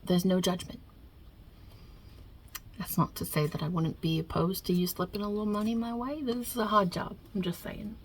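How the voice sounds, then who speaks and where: A woman with a medium-pitched, slightly rough voice speaks at a moderate pace with fairly even intonation, lightly acted. For an ASMR roleplay she portrays a non-binary Italian mob boss God in a put-on New York Italian-American accent, dry and teasing, wry and casual, muttering asides.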